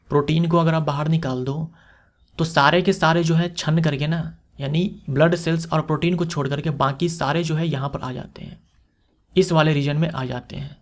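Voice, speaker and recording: A man giving an exam-prep lecture, explaining step by step, repeating key terms and asking rhetorical questions. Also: a little high. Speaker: teacher.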